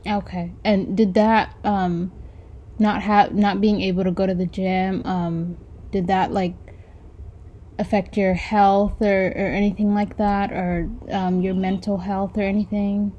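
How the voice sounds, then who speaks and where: A woman conducting an oral history interview, asking polite, measured questions with a few fillers. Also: mid-range voice, little pitch movement, dark tone, highs cut off.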